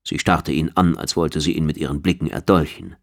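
A man narrating a science fiction story in a steady, measured reading. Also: very deep voice, creaky. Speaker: audiobook narrator. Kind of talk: scripted narration.

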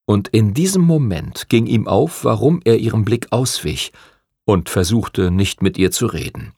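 A man reading a novel aloud in measured scripted narration. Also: on the low side, animated, vocal fry, a little mellow, slightly rough, no echo, clean studio sound. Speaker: audiobook narrator.

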